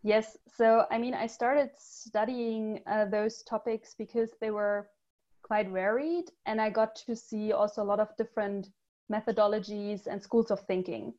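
A woman's voice: mid-range voice, fairly even intonation, moderate pace, warm tone, lo-fi sound. A woman from Germany, a guest on a podcast interview, talking thoughtfully with many ums and restarts. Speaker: guest, user research lead.

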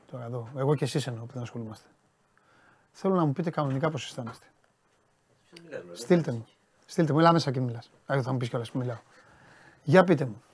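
A man's voice: mid-range voice, husky. A man hosting a studio show, teasing his guests and calling out to viewers in a playful chat. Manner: teasing, bursts into loud mock-grand declarations. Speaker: show host.

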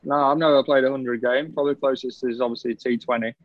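A young professional cricketer, appearing as a podcast guest, talks quickly in a mid-range male voice, relaxed and chatty and laughing often. It's a casual interview, and the recording is dull, lo-fi, muffled and dry with no echo.

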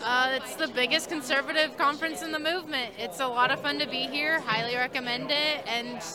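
A young woman from Eastern Kentucky, her voice fairly high, answers an interviewer with enthusiasm. She stands outdoors at a convention, and a crowd can be clearly heard around her. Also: steady tone, a little fast. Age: young adult.

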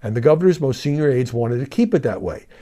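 Male TV news host, middle-aged, swooping emphatic delivery, relaxed dark tone. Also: mid-range voice, fast talker. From Brooklyn, New York. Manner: animated, emphatic, conversational. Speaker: news media commentator and show host. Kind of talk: televised news commentary.

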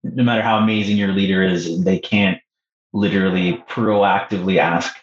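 Deep-voiced Canadian man, echoey. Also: fairly even intonation, normal speed. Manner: hesitant, thoughtful, many ums. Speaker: podcast guest. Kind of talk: casual interview chat. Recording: echoey muffled remote audio.

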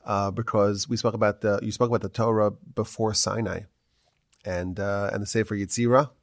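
A man hosting a religious podcast discussion, earnest and halting, with many restarts. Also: lowish voice, little pitch movement, no room sound, clean studio sound. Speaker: rabbi podcast host.

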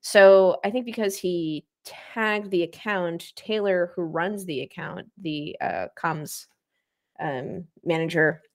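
A young woman, a motorsport streamer, chatting as a guest in an interview, bubbly and animated as she tells stories. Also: fairly low pitch. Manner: bubbly, animated storytelling with quick asides. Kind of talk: casual interview chat.

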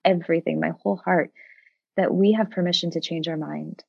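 A woman in her forties with a low, gravelly voice that is soft and husky. She talks as a guest on a podcast, reflective and earnest, and the sound is dry and a little dull. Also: fairly even intonation, brisk, dry recording. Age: 40s. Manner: reflective, earnest, many fillers. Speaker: guest, coach and former psychologist. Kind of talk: casual podcast conversation.

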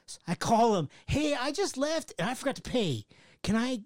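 Homme qui raconte en jurant, micro sec. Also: male voice, very high voice, normal speed, no room sound, clean studio sound. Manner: animated storyteller, swears freely, acts out his own panic. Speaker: podcast co-host. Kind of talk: casual storytelling chat.

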